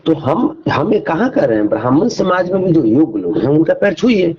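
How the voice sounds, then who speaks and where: The man on this lo-fi phone interview speaks fairly quickly in a slightly rough, a-little-high voice that is very animated. He hammers home his opinions, repeating phrases and firing off rhetorical questions over the dull-sounding call.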